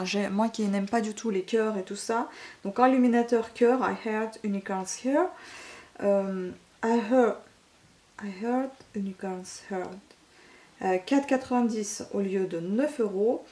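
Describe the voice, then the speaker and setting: A woman vlogger chatting casually through a beauty unboxing, full of fillers and little tag questions, sometimes dropping to a soft half-whisper. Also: medium pitch, slight background noise. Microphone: camera microphone.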